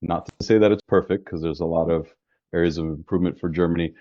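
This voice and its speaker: A deep-voiced insurance business founder from the New York metropolitan area talks fast as a guest in a casual interview, relaxed and talkative with frequent restarts. The recording is muffled, with no echo.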